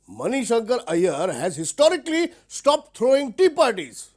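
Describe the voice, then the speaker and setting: A man's voice: very high voice, normal speed, full character voice. A man with an Indian accent playing an indignant, self-important political spokesperson in a satirical mock news interview. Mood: aggrieved. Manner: indignant, deadpan, insistent.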